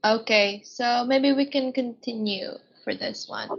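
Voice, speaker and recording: On a video call with dull lo-fi audio, a woman takes part in a casual online quiz, hesitating and thinking aloud as she guesses. Her husky voice is a little high and very animated, though her pace stays measured.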